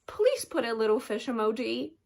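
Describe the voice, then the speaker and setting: A woman's voice: fairly high pitch, big pitch swings, normal speed, vocal fry, darkish tone. Chatty young woman book vlogger. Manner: chatty, emotional, laughs often. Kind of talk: casual reading vlog chat. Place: at home, raining outside.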